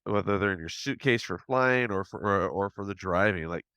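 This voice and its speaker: A male podcast host asking questions in a casual, halting way and restarting his sentences. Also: sits low, pushed and bright, clear, resonant tone, dry recording, studio quality. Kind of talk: casual interview chat.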